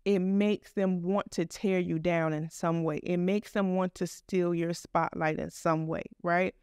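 A woman's voice: on the low side, a little slow, clear, resonant tone, no room sound, studio quality. A woman podcast host telling a story in casual, blunt, profane talk. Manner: blunt, profane, animated retelling.

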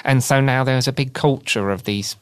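A man's voice: medium pitch, normal speed, clean tone, close to an everyday voice. A man improvising a boastful eighteen-year-old British amateur barrister with a British accent, in a cheeky comedy podcast bit. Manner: cheeky, boastful, lively delivery.

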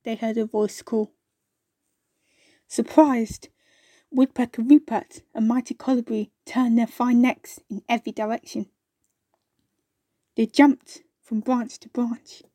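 A woman reading a children's storybook aloud in a gentle, unhurried way, now and then turning to ask the listener questions. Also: a little high, fairly even intonation, no room sound.

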